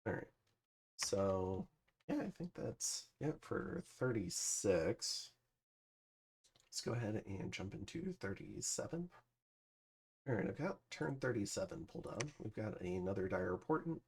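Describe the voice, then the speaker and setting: A man's voice: lowish voice, very animated, measured pace, creaky, darkish tone, breathy edge. A man casually commentating over his strategy game turns, thinking aloud with plenty of fillers. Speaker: gameplay commentator. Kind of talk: casual let's-play commentary.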